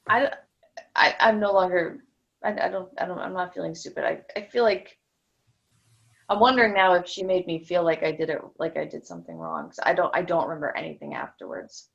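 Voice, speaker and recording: A woman's voice: fairly low pitch, animated, a little fast, gravelly. A woman in a tapping session who repeats phrases and hesitantly recounts a childhood memory, stumbling over her words. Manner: hesitant, stumbling restarts, soft. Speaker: client in demonstration. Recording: dull lo-fi sound.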